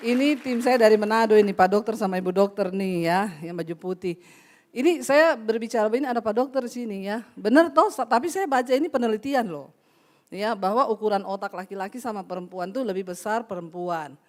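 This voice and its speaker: A woman pastor giving a lively, joking sermon to a congregation, speaking to them directly and acting out little dialogues. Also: sits high. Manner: jokey, addresses the congregation directly, acts out chat dialogue. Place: church hall with a live congregation.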